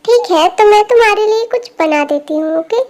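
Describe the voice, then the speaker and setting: Woman voicing a fussing middle-aged mother, fan dub, anxious, very high voice. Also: expressive, moderate pace, a little mellow. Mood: motherly. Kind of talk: amateur Hindi fan dub.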